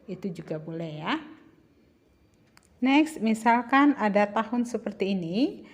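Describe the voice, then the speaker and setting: A woman tutors children in a measured, unhurried voice. She speaks slowly at a middling pitch. She keeps asking her class questions and then answers them gently herself. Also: animated, highs cut off. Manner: patient, addresses pupils as children, asks and answers own questions. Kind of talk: slow classroom explanation.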